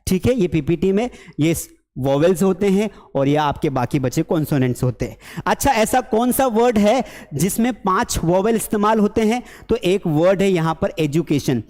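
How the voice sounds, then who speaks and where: A man's voice: high-pitched, lively intonation, moderate pace, a little mellow, long reverb tail. A man from India teaching a spoken English lesson, chatty, asking questions and answering them himself. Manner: chatty, asks and answers his own questions, mimics students.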